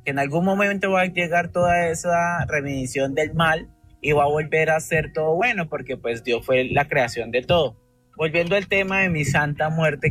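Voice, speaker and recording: A man's voice: on the high side, a bit bright. Earnest man calling in by phone. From Antioquia, Colombia. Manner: earnest, rambling, devotional. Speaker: radio caller. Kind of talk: call-in storytelling. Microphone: phone on speaker.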